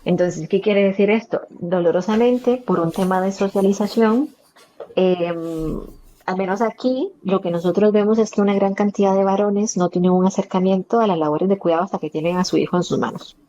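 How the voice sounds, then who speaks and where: A woman's voice: mid-range voice, moderate pace, dark tone, slight background noise. A woman with a Costa Rican accent, a perinatal psychologist explaining earnestly as a guest in a podcast interview. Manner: explanatory, earnest, uses many fillers. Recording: dull lo-fi audio.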